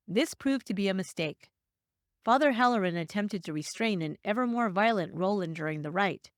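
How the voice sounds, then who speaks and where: A woman narrating a true crime story in a measured, even, scripted way. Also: mid-range voice, no room sound, studio quality.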